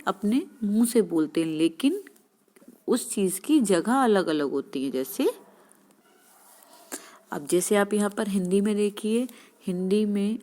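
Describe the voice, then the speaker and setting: A woman's voice: medium pitch, a little mellow. A woman teacher giving a lesson, explaining and sounding out speech sounds one by one. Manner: slow, explanatory, demonstrates sounds aloud. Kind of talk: classroom lesson.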